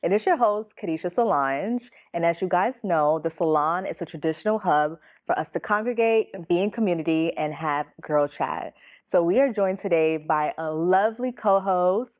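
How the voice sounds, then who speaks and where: A low-pitched woman hosts a casual conversation and keeps her guest going with steady affirming murmurs. Her questions come across as friendly and encouraging. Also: normal speed, highs cut off. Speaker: host. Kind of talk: casual interview chat.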